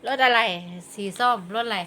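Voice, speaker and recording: A woman casually chatting with young children as she hosts a tasting, playfully prompting them with questions, exclamations and little sing-song fanfares. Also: moderate pace. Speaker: host guiding children through a candy tasting. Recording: clear background noise.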